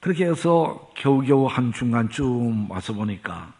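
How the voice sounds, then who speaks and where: A man preaching a sermon, telling a story and then teaching in a measured way that rises for emphasis. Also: medium pitch, expressive, darkish tone. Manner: measured preaching with rising emphasis and drawn-out pauses. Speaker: pastor.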